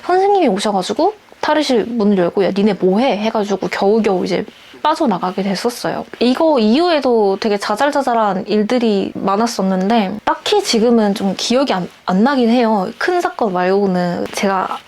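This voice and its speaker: A woman's voice: medium pitch, animated, normal speed, hardly any pauses, a little mellow. A young adult woman telling a personal story in a candid, reflective way, with many fillers. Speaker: vlogger.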